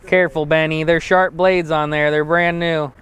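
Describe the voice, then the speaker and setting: This fishing channel host sits on the high side, with little movement in his pitch, normal speed and a somewhat bright, smooth sound. Out on a frozen lake, he jokes and chats easily as he narrates his vlog into an action camera strapped to his body.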